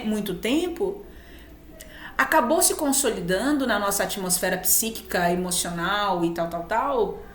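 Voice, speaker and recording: A woman's voice: mid-range voice, roomy sound, slight background noise. A Brazilian woman with a Brazilian Portuguese accent giving an emphatic spiritual teaching talk, acting out short quoted exchanges as she speaks.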